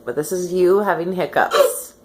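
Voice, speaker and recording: A woman's voice: fairly low pitch, moderate pace. A woman filming her husband on her phone at home, teasing him in a casual chat and laughing often. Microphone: phone camera. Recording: faint background noise.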